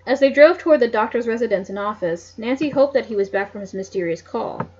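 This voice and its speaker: A woman's voice: on the high side, lively intonation, fast talker, muffled recording, a little hiss or hum. A woman casually reading a mystery novel aloud, with small slips and restarts along the way. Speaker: reader.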